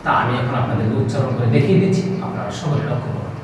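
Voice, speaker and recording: A man's voice: medium pitch, animated, racing, heavy reverb, recorded from a distance, noisy background. A man teaching Quran pronunciation in a patient lesson, drawing out each letter in long sung calls.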